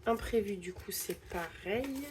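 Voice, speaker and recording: A young woman with a stuffy head cold hosts a budgeting vlog, narrating casually and counting bills aloud with some hesitation. Her voice is medium in pitch and unhurried. A faint hiss or hum sits under the recording.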